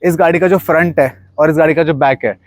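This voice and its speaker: A man's voice: a little high, fairly even intonation, fairly quick, no room sound. A young man with an Indian accent giving a casual, chatty walkaround of his modified car, pointing things out as he goes. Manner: chatty, mixes Hindi and English, points things out.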